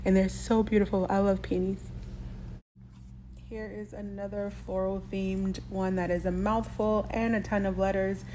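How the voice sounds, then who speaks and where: A woman's voice: mid-range voice, level tone, normal speed, dark tone, slight background noise. A woman hosting a shopping channel who explains how to say tricky words in a chatty way, laughing lightly now and then. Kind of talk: casual explanatory lesson.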